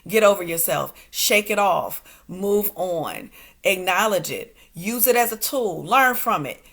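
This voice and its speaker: A woman's voice: medium pitch, animated, measured pace, a bit bright. A woman in her forties, a stand-up comic and entrepreneur, hosting a motivational talk in short, emphatic commands and laughing often.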